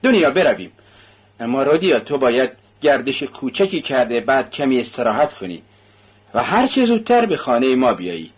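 A man reading a novel aloud, voicing an anxious, loving older mother in a raised, husky voice. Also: medium pitch, big pitch swings, dull audio. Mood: fussing, tender.

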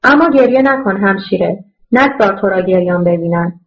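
A woman reading an audiobook voices a kind, earnest man who runs an orphanage, speaking in a gentle, reassuring way. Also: medium pitch, lively intonation, highs cut off, close to an everyday voice. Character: kind middle-aged male orphanage director, earnest.

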